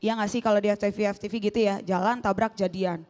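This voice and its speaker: A woman's voice: medium pitch, fairly even intonation, fast, darkish tone, big-room sound. A young woman doing a stand-up set on stage, in slangy casual talk, playful, acting out quoted voices. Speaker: stand-up comedian. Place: stage before a live audience.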